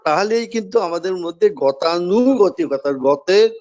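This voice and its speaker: Man, high voice, devotional talk, measured and explanatory, muffled sound. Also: animated, darkish tone. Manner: measured, explanatory, repeats key phrases. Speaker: spiritual speaker. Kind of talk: devotional discourse.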